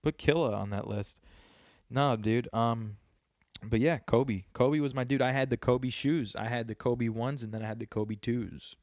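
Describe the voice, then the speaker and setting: A man's voice: medium pitch, unhurried, a little mellow, no room sound, clean studio sound. A man in his thirties hosting a podcast, rambling in casual chat with lots of swearing and jokes. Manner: rambling, profane, joking. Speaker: podcast host.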